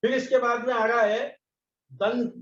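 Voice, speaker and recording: A man teaching a patient pronunciation lesson, sounding out each syllable slowly. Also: extremely high pitch, steady tone. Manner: slow, patient, demonstrates each sound aloud. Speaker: Sanskrit teacher. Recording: echoey, slightly dull recording.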